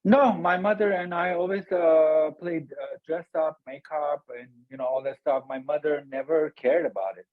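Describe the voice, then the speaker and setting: A man from Turkey, a guest speaking softly and haltingly, with small grammar slips. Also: on the high side, steady tone, no room sound. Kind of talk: casual interview talk. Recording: tinny phone-like line, dry.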